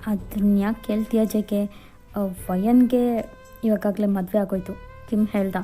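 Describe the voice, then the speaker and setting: In a fan fiction voiceover, a woman plays a ruthless, domineering rich father coldly threatening a young woman, with a scheming mood. Her mellow voice is medium-pitched, fairly even and moderately paced, close to an everyday voice, over soft background music.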